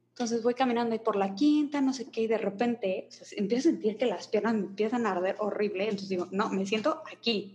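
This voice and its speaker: A woman with a Mexico City accent, chatting casually and telling an anecdote with quoted voices. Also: mid-range voice. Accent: Mexico City Spanish. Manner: chatty, slangy, expressive quoting. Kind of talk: casual storytelling chat.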